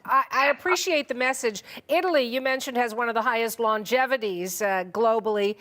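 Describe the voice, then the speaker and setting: A woman interviewing a guest for broadcast news, her questions measured and direct. Her voice sits slightly high. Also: a bit bright.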